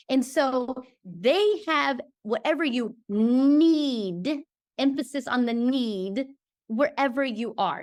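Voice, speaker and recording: A woman with a high voice, a guest on a video call, explains her points in a lively, emphatic way. She keeps checking in with "okay?" as she talks, and her tone stays casual and chatty. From Georgia, US. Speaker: podcast guest. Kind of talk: casual interview chat.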